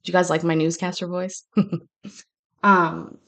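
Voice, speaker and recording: A woman's voice: on the low side, level tone, unhurried, fairly bright tone. A woman hosting a casual home stream from her kitchen, reading news aloud and then chatting in a rambling, chatty way. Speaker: channel host.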